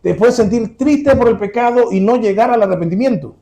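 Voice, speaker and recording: A man's voice: high-pitched, a little fast, dark tone. A man preaching a sermon to his congregation, earnest and direct, repeating his key points.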